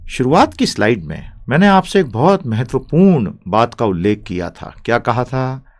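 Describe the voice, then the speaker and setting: A man teaching an English lesson, with a mid-pitched voice that moves freely up and down. He stretches the vocabulary drill words out slowly. Between words he talks in emphatic, scolding asides. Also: very animated. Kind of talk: spoken language lesson.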